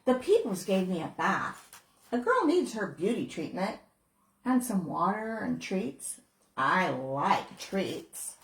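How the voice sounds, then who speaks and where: Slow, lively woman reading a storybook. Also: mid-range voice. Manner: expressive, playful storytelling. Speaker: children's book author. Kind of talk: reading a children's picture book aloud. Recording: roomy echo.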